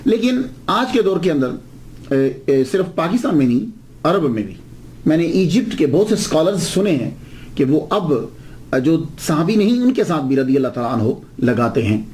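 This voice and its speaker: Lively male preacher. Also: a little high, moderate pace. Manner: explanatory, asks and answers his own rhetorical questions. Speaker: Islamic preacher. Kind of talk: religious lecture.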